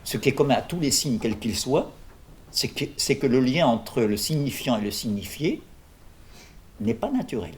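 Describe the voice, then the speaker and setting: Animated man giving a philosophy lecture. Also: mid-range voice, moderate pace. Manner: digressive, jokes and asks the audience questions. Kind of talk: informal philosophy workshop lecture.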